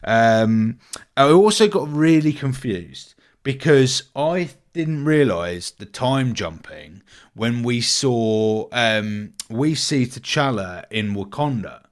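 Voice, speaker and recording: A man's voice: lively intonation, takes it slowly. A young British man co-hosting a casual podcast, rambling with many restarts. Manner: rambling, restarts, big pitch swings. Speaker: podcast co-host. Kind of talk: casual chat.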